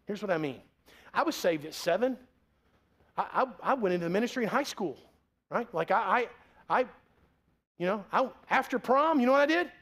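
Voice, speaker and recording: A man's voice: sits high, lively intonation, moderate pace, pauses often, fairly bright tone. A man in his forties preaching a sermon as pastor, in a conversational, joking way.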